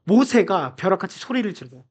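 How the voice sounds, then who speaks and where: Fast, animated male pastor preaching. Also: high-pitched. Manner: animated, chatty preaching with frequent fillers. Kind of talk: lively casual sermon.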